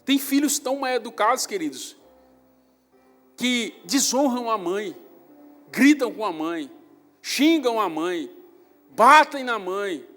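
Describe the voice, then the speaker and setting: A young man, a pastor with a Northeastern Brazilian accent, preaching a sermon in a church hall with animated storytelling that rises loud on emphasis. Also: sits high, slow pace, long pauses. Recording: reverberant church hall with faint music.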